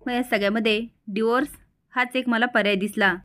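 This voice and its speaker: A woman's voice: fairly high pitch, steady tone, fairly quick, fairly bright tone, natural voice. Scheming woman, defiant, self-justifying, plain unacted voice, serial recap, read by a woman.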